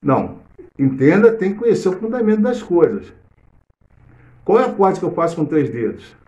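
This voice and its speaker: Brazilian man, middle-aged, fairly high voice, casual music lesson, talks between strummed chords, roomy sound. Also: very animated, normal speed, lo-fi sound. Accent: Brazilian Portuguese. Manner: chatty, explains theory while playing, hums and sings snippets. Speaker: cavaquinho teacher. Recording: echoey room with loud cavaquinho playing.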